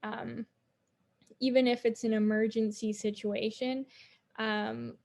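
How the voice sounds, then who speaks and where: A woman's voice: fairly high pitch, level tone, takes it slowly, creaky, a little mellow. A woman, a patient partner, sharing her own hospital experiences in an interview, with many "like" fillers. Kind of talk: personal account in interview.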